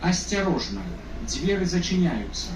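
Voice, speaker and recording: A man's recorded stop announcements come through a city bus loudspeaker, formal and measured in tone. His voice sits a little high and sounds distant and echoey. Loud engine and road noise fills the background. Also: very animated. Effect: played over a bus loudspeaker. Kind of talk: recorded public transport announcements. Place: inside a moving city bus.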